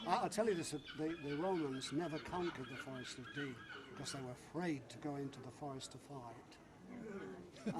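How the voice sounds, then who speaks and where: Older guy preacher chatting to a group outside, asks them questions, people murmuring around. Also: fairly high pitch. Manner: chatty, quizzes listeners. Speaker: preacher leading a tour group. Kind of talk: informal talk to a group outdoors. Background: group of people talking.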